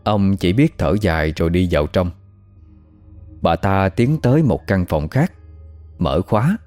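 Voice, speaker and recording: A man narrating a horror story in a slow, dramatic storytelling voice. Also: deep voice, lively intonation, a little mellow, dry recording, faint music behind.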